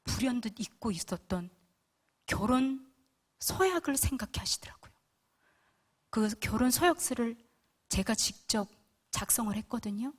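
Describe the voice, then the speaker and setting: A middle-aged woman with a high, light voice shares a personal testimony at a prayer meeting. She speaks as a pastor's wife, telling her story with earnest feeling and acting out past moments. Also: expressive, moderate pace, long pauses, slightly rough. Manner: earnest, emotional storytelling that acts out past quarrels.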